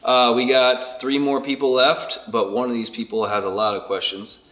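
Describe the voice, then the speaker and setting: A man hosting a casual interview, reading out viewer questions in a quick, loose manner. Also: medium pitch, flat delivery, a bit bright. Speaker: interviewer and channel host.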